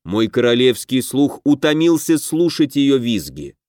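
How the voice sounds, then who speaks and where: A man's voice: medium pitch, big pitch swings, measured pace, darkish tone, smooth, no room sound, studio quality. A man voicing a grand, self-important half-orc pirate who would be king in an audiobook. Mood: commanding.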